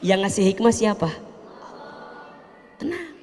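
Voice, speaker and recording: Male preacher, high voice, lively and jokey, in a reverberant hall. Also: measured pace. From Indonesia. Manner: animated, acts out little scenes with comic voices. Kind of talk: sermon.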